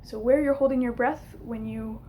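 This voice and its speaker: A woman's voice: fairly high pitch, steady tone, normal speed, dark tone, a little hiss or hum. A young woman giving an informal explanatory lesson to camera as a teacher, sometimes hesitant, recorded on a camera mic at home. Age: young adult. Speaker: linguistics teacher. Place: small room at home, indoors.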